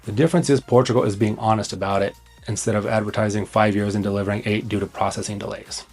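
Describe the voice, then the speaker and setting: Speaking fast with fairly even intonation, a man whose voice is low, mellow and a touch husky hosts an online video as an immigration consultant. His scripted advice comes across blunt, urgent and emphatic in short, punchy phrases, with faint music in the background.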